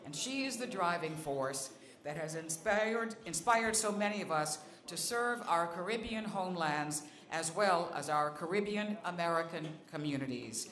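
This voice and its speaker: A presenter giving a warm, admiring introduction at an awards ceremony. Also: mid-range voice, expressive, moderate pace. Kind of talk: formal introduction speech. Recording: echoey banquet hall.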